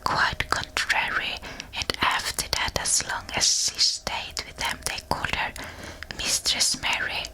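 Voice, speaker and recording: Slow whispering woman reading a storybook, ASMR. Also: poor audio. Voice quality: breathy unvoiced whisper. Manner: slow, soft, deliberate storybook narration. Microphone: close binaural ear-to-ear microphone.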